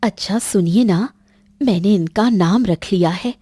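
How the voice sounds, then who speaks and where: A woman voicing a gentle, sad young village mother in a Hindi cartoon story. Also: medium pitch, a little slow, husky, dry recording, studio quality. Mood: tender.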